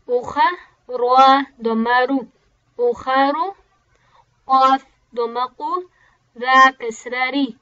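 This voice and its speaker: A woman teacher with a high, bright voice, spelling each letter and vowel sign before joining the syllables. She talks very slowly and evenly. The recording is dull and lo-fi. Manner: explains in simple English. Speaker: Quran reading teacher. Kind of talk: slow spelled-out recitation lesson.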